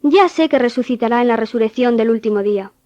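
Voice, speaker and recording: A woman's voice: on the high side, fast, darkish tone, no echo, close to an everyday voice. A woman playing Martha, a grieving and faithful sister, in a dramatized scripture reading. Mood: pleading. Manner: earnest, pleading. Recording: dull, dry studio sound.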